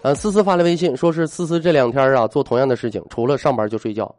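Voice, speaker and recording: A male radio host on a live call-in show, reading listener messages and telling jokes with quick, wry asides. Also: medium pitch, a little mellow. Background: faint electronic music.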